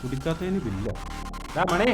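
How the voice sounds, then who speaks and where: An actor playing a smug middle-aged restaurant owner who needles a customer with sly, mocking politeness, in a film scene with faint music. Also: male voice, fairly high pitch, very animated, moderate pace.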